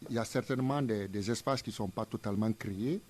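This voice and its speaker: A museum director explains his ideas in an interview, speaking quickly in a fairly low, darkish voice. He's emphatic and didactic, repeating phrases in parallel pairs.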